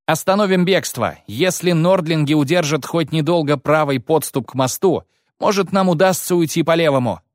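A man's voice: a little high, normal speed, few pauses, no room sound, studio quality, pitched above the performer's own voice, close to an everyday voice. A man voicing a grim, battle-hardened male commander who bellows orders and curses. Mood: urgent.

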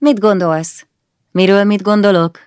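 A woman's voice: mid-range voice, steady tone, darkish tone, clear, resonant tone, dry recording, clean studio sound, voice pushed up, close to an everyday voice. A woman reading aloud and voicing a weary, irritable middle-aged husband who answers curtly. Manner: curt, weary, withdrawn.

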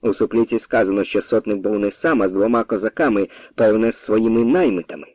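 Brief: man reading a cool, cutting old-time clerk, measured and pointed, dry, a touch lo-fi. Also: on the low side, no room sound, close to an everyday voice. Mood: cold. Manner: calm, pointed. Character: cool, sharp male regimental clerk.

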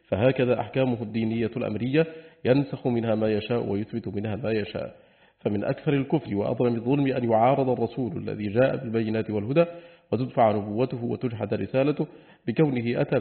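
A man reading a classical book aloud as an audiobook reader, in a steady, formal reading voice. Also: mid-range voice. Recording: tinny phone-like lo-fi sound.

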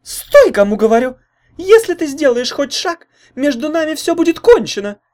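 A man reading an audiobook, voicing a tall, jealous, spiteful young woman who shrieks very high and loud. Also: very animated, moderate pace. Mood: furious. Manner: shrill, screeching, spiteful.

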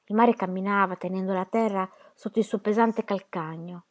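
Casting note: woman narrator for a literary audiobook, steady and dramatic, mid-pitched. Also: normal speed. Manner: steady, dramatic novel reading. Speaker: reader.

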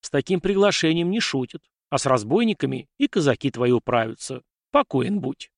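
A man's voice: mid-range voice, big pitch swings, brisk, vocal fry, no room sound, studio quality. A man voicing a stern elderly grandfather who cuts others off with curt commands, in a storybook reading.

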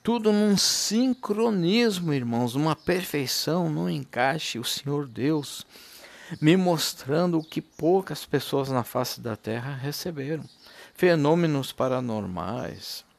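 A man preaching an informal sermon, impassioned, swinging from loud to hushed, calling his listeners brothers and laughing between points. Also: fairly high pitch, animated, slow pace, gravelly.

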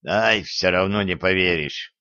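A wounded sorcerer answers hoarsely and with dry irony, as a male narrator puts him on. The voice stays low and slow, with a dull, dry recorded sound. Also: bright, forceful tone, no echo. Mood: wry. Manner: hoarse, wry.

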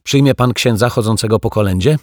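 A man voicing a nervous, mumbling young altar server in a children's audiobook, his voice pushed high and strained. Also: fairly quick, no echo, clean studio sound, close to an everyday voice. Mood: flustered. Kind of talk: audiobook character voice.

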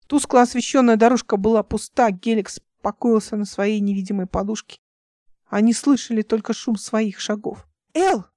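A woman reading her own science fiction audiobook in steady, even narration on a close microphone. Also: fairly high pitch, normal speed, dry recording. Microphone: home microphone, close.

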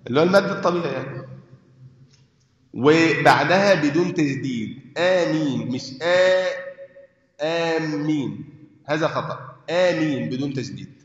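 His voice a little high, expressive and slightly fast, a sheikh with an Egyptian Arabic accent gives a religious lesson on a hadith book. He works through points by questioning and answering himself and checking his audience follows; the recording is echoey, dull and lo-fi.

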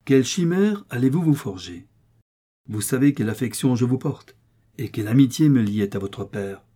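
A man's voice: medium pitch, lively intonation, normal speed, warm tone, husky. A man doing an evasive old notary. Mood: coaxing. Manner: soothing then firmly refusing. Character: older male notary, smooth and evasive.

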